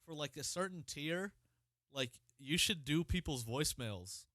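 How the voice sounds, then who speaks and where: A man's voice: a little high, unhurried, no echo. A man co-hosting a podcast in casual chat, ranting with lots of swearing. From Ohio, United States. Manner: profane, animated ranting. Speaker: podcast co-host.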